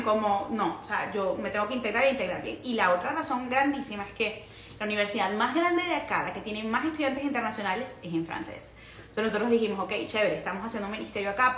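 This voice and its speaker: A woman's voice: a little high, fairly bright tone. A young Venezuelan woman with a Venezuelan accent talking casually in a vlog, chatty and rambling, often correcting herself mid-sentence. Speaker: missionary vlogger. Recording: roomy echo, faint noise.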